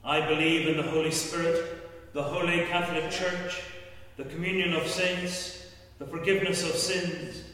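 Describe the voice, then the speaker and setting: Male service leader reciting liturgy, higher-pitched, steady; heavy cathedral echo, distant mic. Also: normal speed, hardly any pauses. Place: large church. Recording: echoey church from far off.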